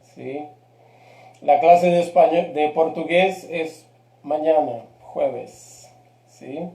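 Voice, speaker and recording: A man's voice: fairly high pitch, drawn-out words, dark tone, echoey room. A man teaching a live grammar lesson, patient and checking in often with his class. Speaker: Spanish teacher.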